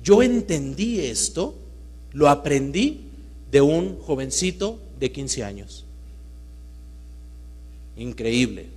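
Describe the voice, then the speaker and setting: A man giving a live talk to an audience, swinging between loud emphatic bursts and hushed storytelling. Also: medium pitch, big pitch swings, slow pace, pauses often, breathy edge. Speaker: motivational speaker. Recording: reverberant hall with mains hum.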